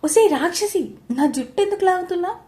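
Woman voicing a cheeky, lively young wife. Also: very high voice, fairly quick, pitched above the performer's own voice. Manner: sharp, indignant, cheeky exclamations.

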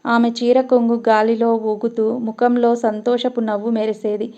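Female storyteller, steady measured narration; mellow tone, dull lo-fi recording. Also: a little high.

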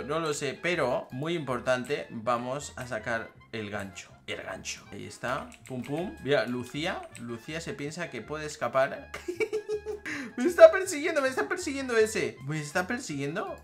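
A young woman with a Spanish accent from Spain, giving excitable gameplay commentary, laughing often and repeating words. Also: fairly high pitch. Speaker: gaming youtuber. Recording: faint background music.

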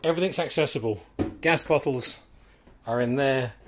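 Male broker, walkthrough tour, short listing phrases, mid-pitched, camera mic aboard a boat. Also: normal speed, background noise. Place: aboard a small motor boat, cabin and cockpit.

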